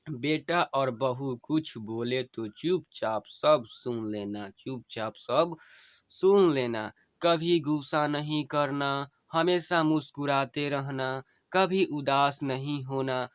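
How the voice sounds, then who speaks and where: A man's voice: mid-range voice, slow, smooth, no room sound, pitched above the performer's own voice, lightly acted. A man reading the farewell words of a dying wife to her husband, tender and repeating each plea twice. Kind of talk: emotional story reading.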